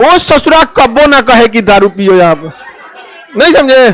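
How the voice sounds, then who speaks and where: High-voiced chemistry teacher. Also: male voice, moderate pace, a faint crowd. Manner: animated, joking, acts out little scenes. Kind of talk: classroom lecture.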